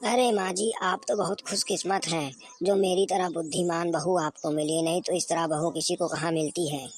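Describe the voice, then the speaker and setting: A woman's voice: lowish voice, fairly even intonation, moderate pace, natural voice. Woman playing a cheeky daughter-in-law. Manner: cheeky, talks back. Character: cheeky young daughter-in-law, dim but sure of herself.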